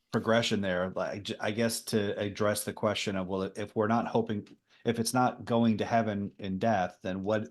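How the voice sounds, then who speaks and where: A man co-hosting a podcast, explaining theology in a relaxed, conversational way with frequent ums. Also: lowish voice. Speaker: podcast co-host. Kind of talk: casual theology podcast discussion.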